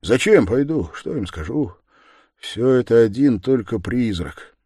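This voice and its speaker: A man's voice: medium pitch, expressive, a little slow, mellow, slightly rough, dry recording, studio quality, pitched above the performer's own voice. A man playing a tormented, bitter young man. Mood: bitter defiance. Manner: agitated, bitter outbursts. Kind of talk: audiobook character voice.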